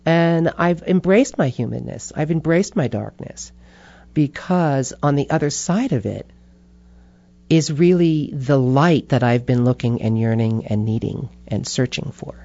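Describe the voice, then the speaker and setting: An older woman talking casually as an interview guest, animated and quick to laugh, acting out voices as she tells her stories. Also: rumbling low, highs cut off. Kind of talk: casual chat.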